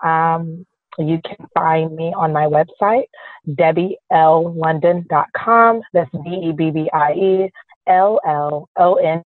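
A woman from the southern United States with a hoarse, raspy voice, speaking conversationally as a podcast guest. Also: low voice, slow, no echo. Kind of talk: conversational interview. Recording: thin phone-like line.

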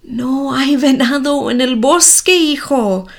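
A woman voicing a tired, fearful father who speaks softly and apologizes to his son. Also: sits high, takes it slowly, gravelly, voice pushed up, full character voice. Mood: apologetic.

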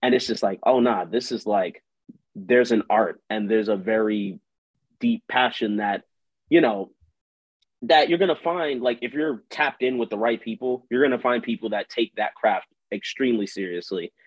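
A man's voice: lowish voice, normal speed, husky, no echo. A man talking casually as an interview guest, loose and slangy, leaning on "like" as he goes. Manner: slangy, loose, heavy use of "like". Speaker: interview guest, musician and writer. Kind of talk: casual conversational interview talk. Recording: dull lo-fi close dry audio.

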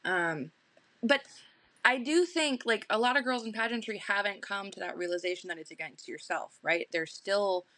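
A woman's voice: medium pitch, moderate pace, bright, forceful tone, dry recording. A young adult woman, a pageant titleholder, chatting earnestly as a podcast guest, full of little fillers. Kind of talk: casual podcast chat.

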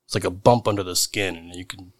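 A man's voice: low-pitched, steady tone, fast talker, no echo. A man playing a tabletop roleplaying game, chatting casually in and out of character.

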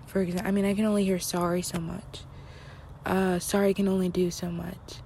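Earnest young woman with a gravelly edge. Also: lowish voice, flat delivery, moderate pace, slight background noise. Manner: earnest, reflective, with frequent "like" fillers and soft, near-whispered passages. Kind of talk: candid personal monologue.

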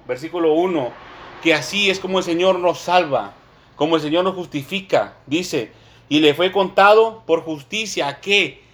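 A man preaching a sermon, reading scripture slowly and with emphasis and often calling his listeners brothers. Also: on the high side, a bit bright.

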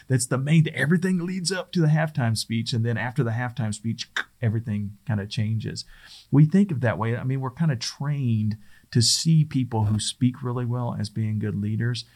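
A man's voice: fairly low pitch, darkish tone. A middle-aged man teaching presentation skills in a casual, conversational way, often restarting his sentences. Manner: conversational, loose and rambling, often restarts phrases. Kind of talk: casual spoken lesson.

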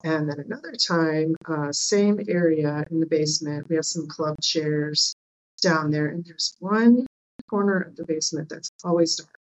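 Woman with a low voice chatting as a podcast guest, hesitant storytelling, bit muffled. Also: moderate pace. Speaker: interview guest, bartender. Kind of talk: casual personal storytelling.

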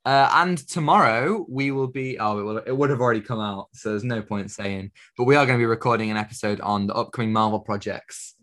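A man's voice: fairly low pitch, a little fast, hardly any pauses, fairly bright tone. A young man, co-hosting a film podcast in a rambling, self-correcting way. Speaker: podcast co-host. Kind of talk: casual chat.

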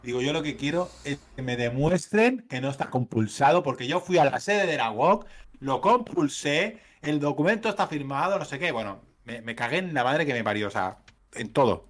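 A man's voice: mid-range voice, normal speed. Indignant man telling a story. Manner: animated, indignant, repeats words. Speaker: podcast guest telling a story. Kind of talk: casual storytelling chat.

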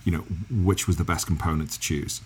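An English man with a halting, filler-heavy way of talking, interviewing a guest in casual conversation. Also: deep voice, fairly even intonation, a little hiss or hum. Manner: halting, lots of restarts and fillers.

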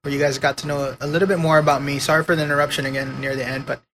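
An easygoing man co-hosts a casual podcast, laughing often and rambling a little. His voice sits in a middle pitch. There is a faint hiss of noise under it. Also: little pitch movement, rapid-fire. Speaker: podcast co-host.

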